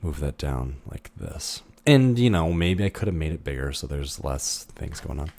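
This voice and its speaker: A man instructor giving a casual screen-recorded software tutorial, thinking aloud with many fillers and restarts. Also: rumbling low, expressive, normal speed, gravelly.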